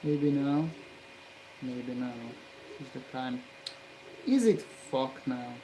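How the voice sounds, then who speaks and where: A hobbyist maker muttering and cursing angrily at his work while soldering, with low grumbling broken by sudden loud outbursts. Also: animated, slow, a little hiss or hum, poor audio.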